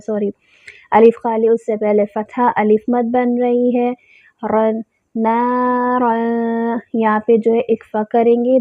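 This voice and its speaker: A woman teaching Quran recitation rules, who recites words slowly and drawn out and then explains them plainly. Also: fairly high pitch, no room sound. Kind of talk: tajweed lesson. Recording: tinny phone-like sound, dry.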